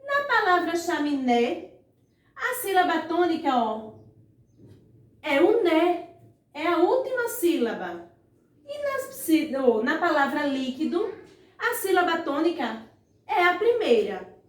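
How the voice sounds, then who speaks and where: Sing-song and very high, this woman's voice comes from far off the mic in an echoey room as she teaches primary pupils online. She slowly stretches out words syllable by syllable and keeps calling on pupils to look, frequently with "ó" and "vejam só".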